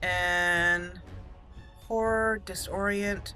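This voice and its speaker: A gaming channel host gives casual let's play commentary in a lowish, steady voice, speaking extremely slowly over music. She thinks aloud and talks directly to the game's characters.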